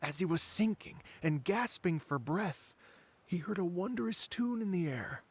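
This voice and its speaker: A man voicing a polite, dreamy wandering musician in a video game, who speaks in a gentle, courteous and wistful way. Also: high-pitched, lively intonation, measured pace, husky, no room sound, full character voice. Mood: storytelling.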